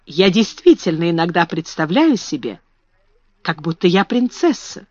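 A reader voicing a calm, dignified schoolgirl in a storybook reading, speaking firmly and steadily. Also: medium pitch, moderate pace, no echo. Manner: firm and steady. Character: calm, proud schoolgirl princess-dreamer. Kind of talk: audiobook reading. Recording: dull lo-fi dry recording.

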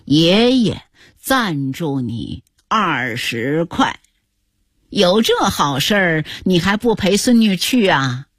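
A woman voicing a fond, teasing old grandfather in a radio story, lowering her voice into a gruff, coaxing tone. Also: very animated, slow, dry recording, clean studio sound, full character voice.

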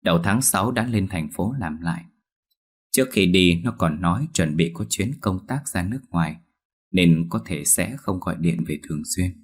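A man narrating a ghost story in a slow, somber storytelling manner. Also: deep voice, lively intonation, slightly rough.

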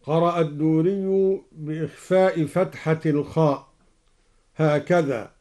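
A man explaining recitation variants in a measured religious lesson on a radio broadcast, speaking slowly and deliberately. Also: a little high, fairly even intonation, warm tone. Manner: slow, deliberate explanation between recited verses. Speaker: Quran radio scholar explaining readings. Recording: live broadcast from a Quran radio station.

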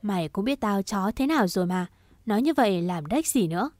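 Người phụ nữ đọc giọng gã trai côn đồ hay chửi bới. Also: female voice, mid-range voice, animated, fairly quick, darkish tone, dry recording, clean studio sound, natural voice. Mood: taunting. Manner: mocking, swearing, provocative. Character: crude scheming young man, taunting and foul-mouthed.

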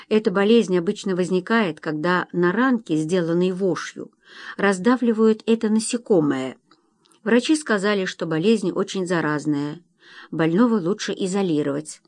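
A man reading an audiobook in a measured, expressive narration style, close to the microphone. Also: high voice, no echo. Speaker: audiobook reader. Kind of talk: scripted narration.

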